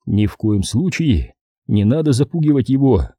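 A man narrating an audiobook in measured storytelling, voicing the characters. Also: medium pitch, animated, warm tone, husky, no echo, studio quality. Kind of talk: scripted narration.

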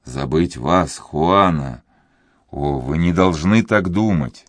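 A man voicing a tender young nobleman in love, speaking in a hushed, trembling, earnest way. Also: extremely low pitch, slow, no echo, studio quality.

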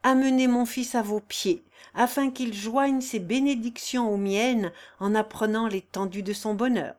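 A woman's voice: fairly high pitch, steady tone, unhurried, a little mellow, natural voice. A woman reading the part of an aging nobleman who speaks earnestly and imploringly in a storybook. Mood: pleading. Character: aging noble count, grave and pleading.

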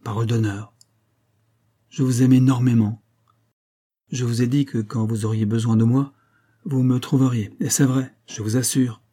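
A man's voice: medium pitch, steady tone, moderate pace, pauses often, warm tone, husky, close to an everyday voice. A man reading the part of a good-natured young man who talks frankly and earnestly.

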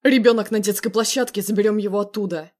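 Woman reading a domineering, menacing man, loud and commanding. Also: medium pitch, steady tone, fast, natural voice. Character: Andrei, possessive domineering young man.

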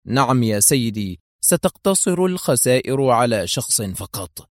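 A cool, self-assured intelligence officer, voiced by a man reading a spy story, speaking quietly and politely. The voice stays close to the narrator's own middle pitch, in a dry close recording. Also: very animated, moderate pace, dry recording, natural voice. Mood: calm. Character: calm, composed male intelligence colonel.

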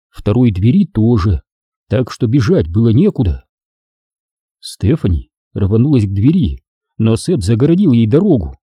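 A man reading a spooky story aloud as an audiobook narrator, steady and suspenseful. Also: medium pitch, breathy edge, no room sound.

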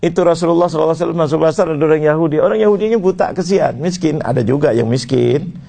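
A man preaching a sermon, asking his audience questions and swinging between high exclaims and low murmurs. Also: rapid-fire, gravelly, mellow.

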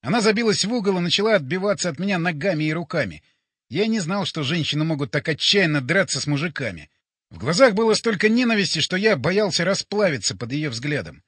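A man narrating a first-person sci-fi audiobook with expressive, animated storytelling, recorded on a close studio mic. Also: fairly high pitch, fast talker, husky, no room sound.

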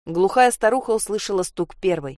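A woman narrating a story in an even, measured reading. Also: medium pitch, dry recording, clean studio sound.

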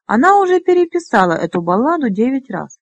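A woman narrating a fantasy novel in a measured, even storytelling manner. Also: high voice, no room sound. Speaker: audiobook narrator. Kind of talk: audiobook reading of a fantasy novel.

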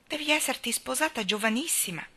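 A woman's voice: sits high, fairly quick, husky, pitched above the performer's own voice, exaggerated voice. A woman voicing a cheerful, dreamy young newlywed, speaking lightly with laughs in her voice. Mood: lively. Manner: lively, laughing.

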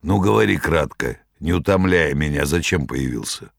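Man playing a deep sardonic devil. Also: lively intonation, normal speed, gravelly, dry recording, exaggerated voice. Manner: curt, dry, mocking. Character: sardonic commanding devil, male, ancient, cold. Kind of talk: audiobook character voice.

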